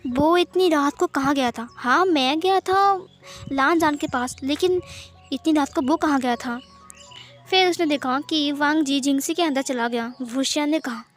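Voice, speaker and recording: A woman reading a fan fiction story aloud, narrating and lightly voicing each character. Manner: voices each character with small pitch shifts.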